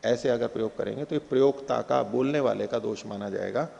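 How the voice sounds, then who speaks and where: A man teaching Nyaya philosophy in a spoken lecture. He recites Sanskrit aphorisms slowly and then explains them with everyday examples. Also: medium pitch, creaky, warm tone, in a large hall, lo-fi sound.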